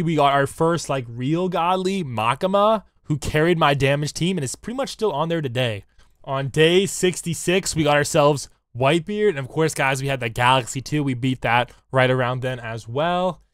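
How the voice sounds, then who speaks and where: Hoarse, raspy man doing casual game commentary. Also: fairly high pitch, no room sound, clean studio sound. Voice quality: raspy, like a smoker's voice. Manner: slangy hype talk addressed to viewers. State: hoarse, recovering from a lost voice. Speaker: gaming YouTuber. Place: indoor room at a computer. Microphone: desk microphone close to the mouth.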